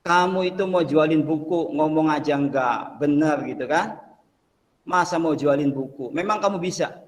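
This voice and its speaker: A man's voice: a little high, moderate pace, long reverb tail, lightly acted. A man playing a doubtful printing boss. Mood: skeptical. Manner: skeptical questioning. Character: doubtful male boss of a book printing firm.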